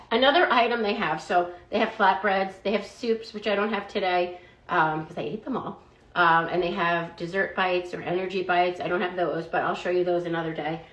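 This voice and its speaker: A woman giving a casual, chatty review of food products she likes, often padding her talk with "like" and "um". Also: fairly low pitch. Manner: chatty, fillers of "like" and "um". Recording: roomy echo.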